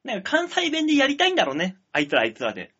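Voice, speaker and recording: A man from the Tokyo area hosting a radio talk show, trading rough, teasing jokes with his co-host in casual comedic banter. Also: extremely high pitch, wildly swooping pitch, rapid-fire, pushed and bright, lo-fi sound, slight background noise.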